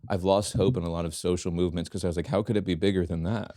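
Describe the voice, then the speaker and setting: A man's voice: low-pitched, steady tone, racing, mellow, dry recording, clean studio sound. A young man hosting a podcast in casual chat, laid-back, swearing freely and laughing along with his guest. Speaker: podcast host.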